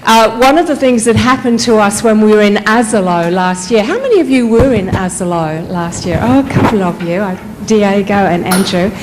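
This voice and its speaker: A woman's voice: medium pitch, animated, moderate pace, hardly any pauses, background noise. Woman briefly introducing a speaker. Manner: brief, apologetic, to the point. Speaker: conference host. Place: conference hall.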